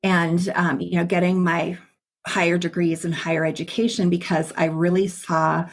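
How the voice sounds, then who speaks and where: A woman's voice: on the low side, flat delivery, moderate pace. A middle-aged woman hosting an interview, telling stories in an upbeat, chatty way. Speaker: podcast host. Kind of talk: casual interview chat.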